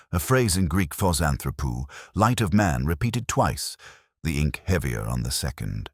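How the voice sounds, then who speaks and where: A man playing a melancholy, cerebral police inspector, narrating a murder case in a measured, formal, literary first person. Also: low-pitched, no room sound, studio quality, full character voice.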